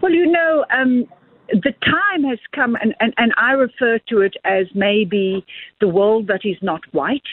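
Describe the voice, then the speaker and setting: A woman's voice: a little high, measured pace, dry recording. A woman filmmaker answering interview questions at length, earnest and expansive, often repeating words as she thinks. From South Africa. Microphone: phone call. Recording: tinny phone line, dry.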